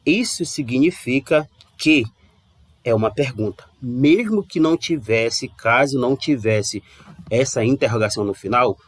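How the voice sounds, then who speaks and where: A man from Brazil teaching English in a casual online lesson, chatty and repeating words slowly to model pronunciation. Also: mid-range voice, expressive.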